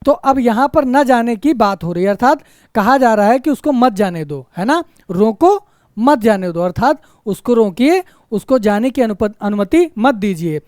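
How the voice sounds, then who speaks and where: A man's voice: extremely high pitch, expressive, moderate pace, darkish tone, no room sound, studio quality. A man teaching Hindi grammar in an online exam-prep lecture. He asks rhetorical questions, answers them himself, repeats key points and keeps checking in with his students. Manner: repeats key phrases for emphasis.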